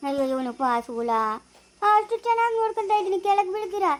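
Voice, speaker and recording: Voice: extremely high pitch, big pitch swings, quick pace. A girl playing a flustered village woman looking after a crying baby in a family skit. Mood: fretful. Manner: fretful, complaining.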